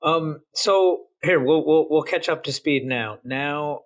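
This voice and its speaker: A man's voice: fairly high pitch, takes it slowly. A man from India hosting an interview, often cutting in with short encouraging words. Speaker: podcast host.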